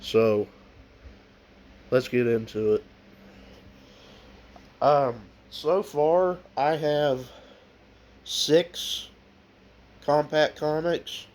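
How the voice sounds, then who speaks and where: This slightly high, darkish male voice belongs to an American with a cold-blocked nose. He's chatting casually in a vlog about his book collection. He takes his time, filling the talk with lots of ums and uhs.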